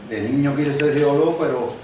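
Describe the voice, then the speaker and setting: A man's voice: mid-range voice, normal speed. An older man born in Cuba, giving a conversational university lecture with examples and asides, speaking without a microphone. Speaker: guest lecturer. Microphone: no microphone, distant recording. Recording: very echoey room, distant mic, faint noise.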